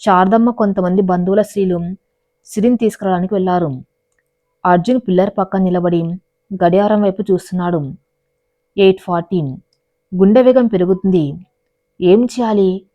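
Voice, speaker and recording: A woman's voice: medium pitch, steady tone, moderate pace, long pauses, no room sound. A woman narrating a dramatic love story as a storyteller, in a scripted reading style. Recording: dry, dull lo-fi voice recording.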